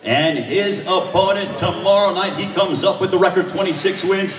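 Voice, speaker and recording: Male fight announcer, high-pitched showman delivery with stretched-out names, heard from off-mic in a big echoey hall. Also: moderate pace, recorded from a distance, a crowd in the background. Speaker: boxing weigh-in ring announcer. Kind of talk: live sports announcing. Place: large echoing event hall.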